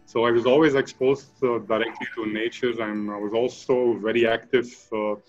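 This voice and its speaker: A man's voice: mid-range voice, level tone, normal speed, darkish tone, highs cut off, faint music behind. A man from Belgium, a guest in an interview, talking loosely with many fillers and restarts. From Belgium (Flanders). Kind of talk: conversational interview.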